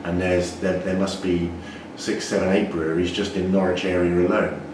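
A man in his forties, a brewer, explaining things in a measured way with frequent restarts during an interview in a brewery. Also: sits low, level tone. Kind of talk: interview answers. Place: indoor brewery floor. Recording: echoey, distant, noisy brewery room.

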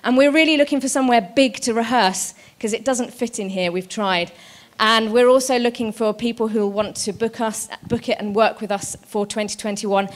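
A woman's voice: fairly high pitch, fairly even intonation, normal speed. A woman presenting her company's show at an arts conference, earnest and fluent. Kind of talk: live pitch at an arts conference.

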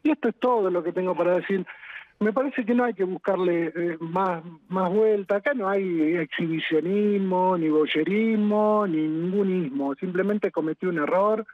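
An Argentine man being interviewed on a news programme, distressed, halting and pleading, repeating himself. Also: high-pitched, no echo. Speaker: politician interviewed as a guest. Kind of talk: live news phone interview. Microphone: phone call. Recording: tinny phone line.

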